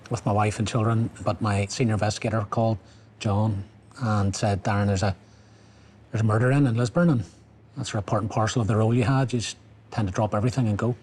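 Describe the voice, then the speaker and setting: Brisk low detective chief inspector, quick and flat. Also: male voice, a little hiss or hum. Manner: brisk, matter-of-fact. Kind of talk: documentary interview.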